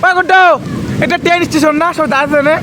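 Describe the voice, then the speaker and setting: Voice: high-pitched, fairly even intonation, racing. A vlogger, talking casually to viewers outdoors on a roadside. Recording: clear wind noise on camera mic.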